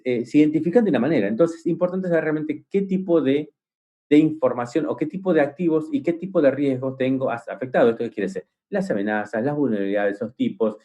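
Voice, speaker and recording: Guy giving a cybersecurity talk, warm mellow voice, lots of restarts and "eh"s, clearly loves the stuff. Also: mid-range voice. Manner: rambling with frequent restarts and fillers; enthusiastic, explains with vivid everyday examples. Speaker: conference speaker on cybersecurity. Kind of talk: technical conference talk.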